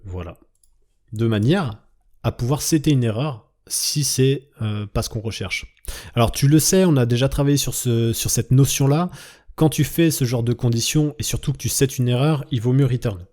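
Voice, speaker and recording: Speaking at a moderate pace in a medium-pitched, slightly mellow voice, this man teaches coding over his screen. He breaks things down step by step, asks the viewer "d'accord?" again and again, and trails off while thinking aloud at the keyboard.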